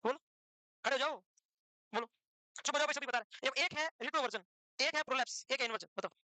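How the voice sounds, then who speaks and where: A man's voice: extremely high pitch, fast talker, pushed and bright, dry recording. A man lecturing a nursing class live, teasing students and firing questions at them.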